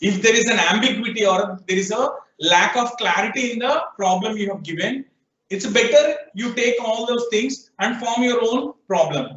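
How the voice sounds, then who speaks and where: High-voiced Telugu-accented male teacher, quizzing students in class, echoey room, mic set far off. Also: extremely slow, fairly bright tone. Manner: questioning students, prompting answers. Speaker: programming teacher. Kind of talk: classroom lecture mixing Telugu and English. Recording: echoey room, distant, dull lo-fi sound.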